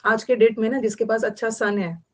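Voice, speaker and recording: A woman's voice: fairly high pitch, fairly even intonation, a little fast. Chatty Indian woman teaching vocabulary. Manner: explains in Hindi mixed with English, repeating words. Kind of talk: online vocabulary class.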